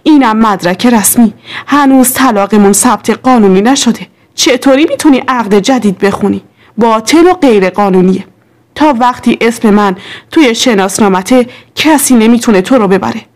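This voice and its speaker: A woman's voice: a little high, a little mellow, natural voice. A woman reading the lines of a sneering, taunting ex-husband in a storybook. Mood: scornful. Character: bitter, mocking ex-husband, adult man.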